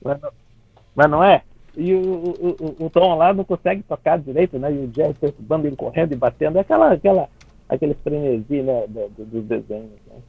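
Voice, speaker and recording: This gravelly Brazilian man has a fairly high pitch and talks fast over a dry, tinny phone line. He's a conductor explaining classical music in cartoons during a casual radio chat, chatty and laughing, with many restarts and tag questions.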